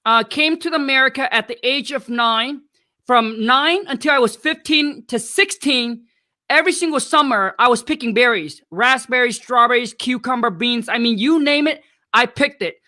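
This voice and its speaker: High-voiced man from Vietnam, slangy. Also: normal speed, sharp tone. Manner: casual, slangy, earnest. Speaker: guest. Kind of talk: casual interview storytelling.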